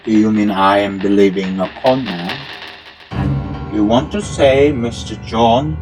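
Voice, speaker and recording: A man with a lowish voice, speaking a little slowly, takes part in a scripted amateur audio drama. He uses formal, stilted English with non-native phrasing while instrumental music plays beneath him.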